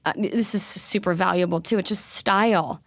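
A woman's voice: fairly low pitch, normal speed, dry recording, studio quality. A woman hosting an interview in a chatty, casual way, laughing along and often saying "like". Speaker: podcast host.

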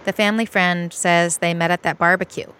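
A woman reporter narrating a scripted investigative documentary in a measured, matter-of-fact way. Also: fairly low pitch, steady tone, fairly bright tone, a little hiss or hum. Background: music.

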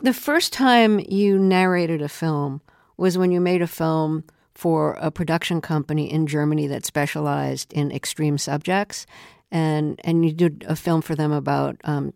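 A woman's voice: low voice, gravelly, a little mellow, smooth, no echo, clean studio sound. A woman with an American accent conducting an interview in a conversational way, feeling her way through her phrases. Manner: hesitant, searching phrasing. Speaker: radio interviewer.

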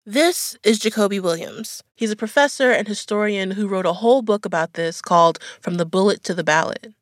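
Mid-pitched woman, conversational podcast host. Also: brisk, no room sound, clean studio sound. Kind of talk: conversational narration of reported history.

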